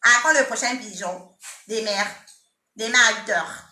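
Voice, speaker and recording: A woman with an Ivorian French accent chats casually on a live stream, teasing her commenters and jokingly scolding them. Her very bright, sharp voice sits a little high and moves at a measured pace, and the audio comes from an echoey room.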